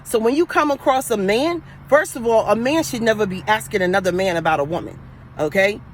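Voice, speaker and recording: A livestreaming spiritual advisor with a Queens, New York City accent rants casually, her mid-range voice a little fast against slight background noise. She's blunt, streetwise and emphatic, full of slang and swearing.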